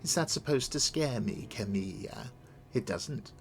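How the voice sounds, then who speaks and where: A man's voice: mid-range voice, expressive, unhurried, soft background music, voice pushed up. A man voicing a proud, scornful captured villainess from a video game, with the threatening manner of a sputtering foiled villain. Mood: defiant. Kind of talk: dramatic read-aloud of video game dialogue.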